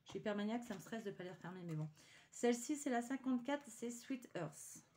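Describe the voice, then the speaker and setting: A woman hosting a craft channel, chatting casually through an unboxing with many hesitations and dropping to quiet muttering as she handles items. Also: a little high, lively intonation, fairly quick, background noise.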